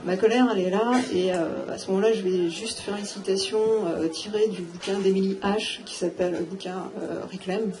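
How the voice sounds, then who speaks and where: A woman speaking on a live round-table panel, thinking aloud with many pauses and fillers. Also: medium pitch, fairly even intonation, darkish tone. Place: theatre hall. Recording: noisy live room recording.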